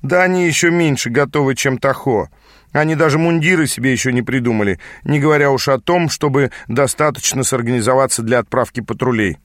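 A man's voice: medium pitch, fairly quick, fairly bright tone, dry recording, clean studio sound, close to an everyday voice. A man voicing a lazy, insolent young man, an officer's son, drawling in an audiobook reading. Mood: cocky.

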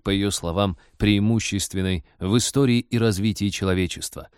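A man narrating a humorous story in a measured, wry audiobook reading. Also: fairly low pitch, darkish tone, no echo, clean studio sound.

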